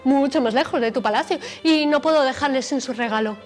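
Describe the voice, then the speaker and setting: A woman voicing a kind, busy little male mouse who talks briskly. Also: on the high side, expressive, a little mellow, close to an everyday voice. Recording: faint music behind.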